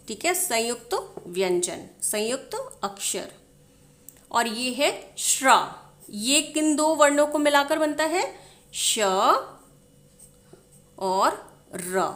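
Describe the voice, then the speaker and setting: A woman's voice: high-pitched, a bit bright. A woman teaching the Hindi alphabet, sounding out each letter and often checking in with her viewers. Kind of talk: slow alphabet lesson.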